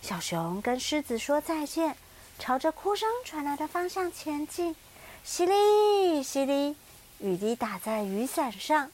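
A woman reading a children's story aloud as a mother, gentle and soothing. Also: high voice, very animated, a little slow.

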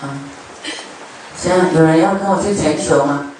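A woman's voice: low-pitched, normal speed. A woman Buddhist dharma master giving a chatty sermon, joking with her audience in a lecture hall. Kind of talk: conversational sermon. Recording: very echoey hall, mic far off, faint noise.

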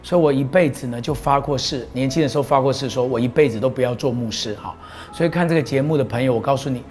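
A man's voice: medium pitch, quick pace, a little mellow. A middle-aged man, a pastor giving an earnest, proclaiming talk that he mixes with personal stories. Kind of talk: preaching talk on a show.

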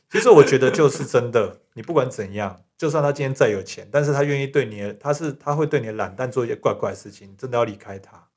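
Guy rattling off a story quick, laughs a lot, chatty podcast vibe. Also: mid-range voice, animated. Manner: rapid, laughing storyteller, trails off with 这样子. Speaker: podcast co-host. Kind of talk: casual chat.

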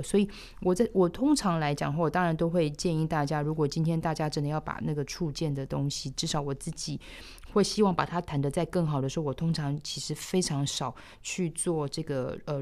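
A woman explaining a piano score step by step in a thoughtful way, sometimes trailing off softly. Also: low-pitched. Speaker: piano teacher. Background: piano playing.

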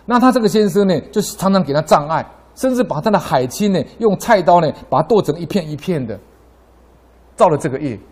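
Middle-aged man, fairly high voice, Buddhist dharma talk, climbs in pitch during anecdotes. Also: animated, fairly quick. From Taiwan. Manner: storytelling, voice rising sharply in anecdotes. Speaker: lay Buddhist speaker.

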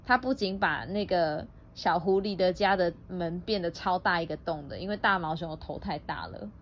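A woman's voice: fairly low pitch, normal speed, slight background noise. A woman reading a picture book aloud to her child, playful and laughing, stopping often to quiz the child.

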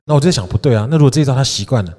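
A man in his thirties co-hosting a casual podcast, telling stories in a lively way. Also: mid-range voice, rapid-fire, in a large hall. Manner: lively storytelling. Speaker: podcast co-host. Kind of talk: casual chat.

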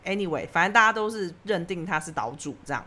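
Lively fast-talking woman telling a story. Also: fairly low pitch. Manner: animated storytelling, acting out her own past lines. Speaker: podcast host telling a story. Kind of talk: casual chat.

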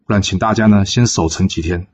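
A man's voice: low-pitched, fast talker, darkish tone, breathy edge, dull audio. A man voicing a weary male strategist who grumbles reluctantly, in a told folk story. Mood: worried. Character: weary male strategist, hesitant and put-upon.

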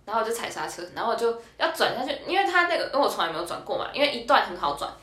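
A young woman tells a story on a chatty podcast. Her voice is bright and sits a little high, with a lively, swooping melody. She laughs often as she talks, and the room sounds echoey. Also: rapid-fire. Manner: animated, laughs often while telling stories. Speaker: podcast co-host. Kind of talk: casual chat storytelling. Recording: roomy echo.

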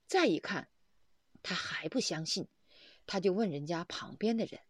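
A woman's voice: fairly low pitch, expressive, moderate pace, slightly rough, dry recording, clean studio sound. A woman reading a Buddhist story aloud, narrating expressively and often breaking into exclamations. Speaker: reader of a Buddhist text.

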